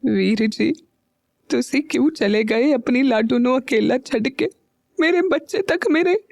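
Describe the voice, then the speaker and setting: A woman's voice: a little high, normal speed, a little mellow, dry recording, lightly acted. Woman voicing an elderly aunt, Punjabi-tinged accent, scolding, mutters to herself, dry close sound. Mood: tearful. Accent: Punjabi-tinged Hindi. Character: elderly aunt, sharp-tongued, grieving, Punjabi-speaking.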